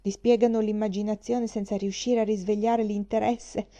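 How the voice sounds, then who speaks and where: A woman reading the part of a composed young woman who speaks calmly and gently reproves. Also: medium pitch, moderate pace, close to an everyday voice.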